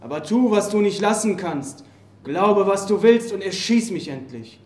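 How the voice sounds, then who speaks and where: A man's voice: high voice, animated, normal speed, darkish tone. A man reading the part of a frightened captured young soldier in a staged play reading, speaking in a hesitant, pleading, stammering way. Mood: desperate. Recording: roomy live café recording.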